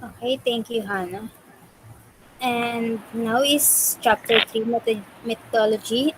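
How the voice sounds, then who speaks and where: A young woman short of breath and coughing, halting as she gives a prepared academic presentation. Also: on the high side, steady tone, background noise. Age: young adult. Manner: halting, stumbling over words. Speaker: student research presenter.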